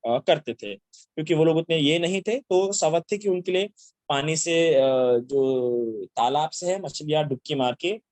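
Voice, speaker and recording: A man telling a Buddhist Jataka story and its lesson to children, speaking haltingly with many fillers and restarts. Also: a little high, darkish tone, no room sound. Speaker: Buddhist teacher.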